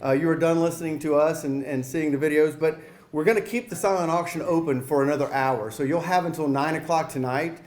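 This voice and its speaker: A man's voice: on the high side, brisk, darkish tone. Mississippi-accented man in a roomy space. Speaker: co-host of a charity fundraiser. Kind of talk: casual live event hosting. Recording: roomy echo.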